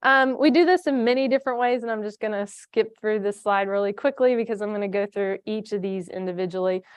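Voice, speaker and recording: A woman's voice: medium pitch, brisk, smooth, no room sound. A woman from a nonprofit giving a conference presentation, talking in a chatty way with many fillers and restarts. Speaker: foundation staff presenter.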